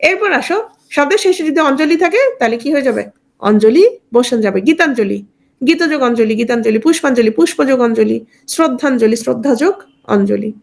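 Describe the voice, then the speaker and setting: A woman's voice: sits high, animated, fast talker, creaky. A woman teaching a grammar lesson, explaining step by step and asking and answering her own questions.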